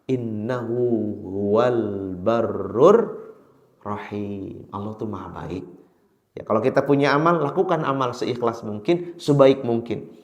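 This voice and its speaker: A man with a Sundanese accent preaches in a mosque, his voice at an ordinary middle pitch. He tells his story with sudden high, loud bursts and slows down to chant verses. The room around him rings with echo. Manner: chants Quran verses slowly. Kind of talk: mosque sermon. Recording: echoey mosque hall.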